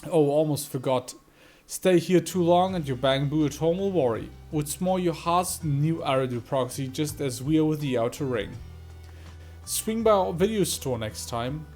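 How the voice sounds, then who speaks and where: A man's voice: on the high side, animated, moderate pace, a little mellow, soft background music, natural voice. A man doing a nasal bubbly biker girl. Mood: cheerful. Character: cheerful bubbly young female biker. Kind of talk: reading game dialogue aloud.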